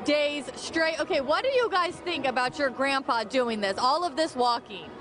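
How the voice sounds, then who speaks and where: A woman's voice: high-pitched, animated, moderate pace. A young woman field reporter interviewing people live on morning news, chatty and upbeat, with a handheld mic in a shopping mall. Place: large indoor shopping mall.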